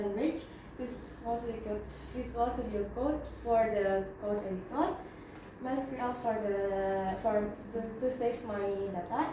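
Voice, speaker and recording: Speaking from well away from the microphone in a strongly reverberant room with persistent background noise, a young woman presents to her class. Her voice sits fairly high, her accent is Indonesian, and she hesitates a lot, using fillers and correcting herself as she goes.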